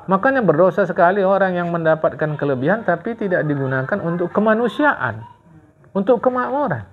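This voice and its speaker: A man's voice: high voice, animated, brisk, slight background noise. A male religious teacher, giving a study-circle sermon and quizzing listeners with rhetorical questions. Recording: dull lo-fi recording.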